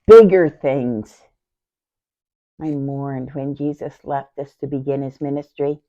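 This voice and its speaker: Performing as the devoted, mourning youngest sister, a woman delivers a deliberate, theatrical first-person monologue from the Bible. Her voice sits on the low side and shifts between near-whispers and loud outcries, captured with dull, lo-fi sound.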